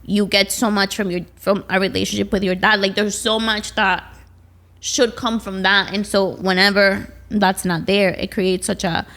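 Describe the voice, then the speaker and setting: A woman's voice: medium pitch, steady tone, normal speed, fairly bright tone. Reflective woman hosting a faith podcast. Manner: reflective, thinking aloud with "you know" asides. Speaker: podcast host. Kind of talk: faith-centered conversation.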